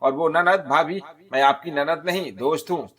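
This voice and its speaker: A man's voice: a little high, moderate pace, fairly bright tone, pitched above the performer's own voice, natural voice. A man voicing a blunt, restless young newlywed woman who complains in a chatty, offhand way while narrating a storybook. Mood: grumbling.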